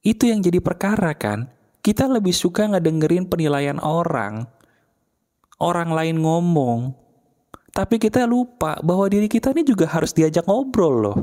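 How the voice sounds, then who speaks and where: An earnest motivational speaker giving a self-help talk, chatty and direct, who keeps asking the listener questions. The voice sits at a middle pitch. It grows gentle and unhurried when leading a moment of reflection. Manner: casual colloquial phrasing with frequent "nah" and "loh"; softer and slower for guided reflection.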